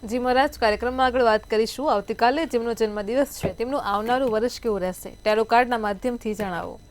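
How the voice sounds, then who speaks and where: A woman's voice: fairly high pitch, quick pace, slight background noise. A woman news anchor formally introducing segments and cueing the astrologer guest.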